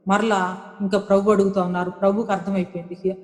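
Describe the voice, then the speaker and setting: A woman's voice: medium pitch, little pitch movement, quick pace, a little mellow. A woman preaching a sermon in an earnest way, repeating key phrases and slipping English words into her talk. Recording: echoey hall with long reverb.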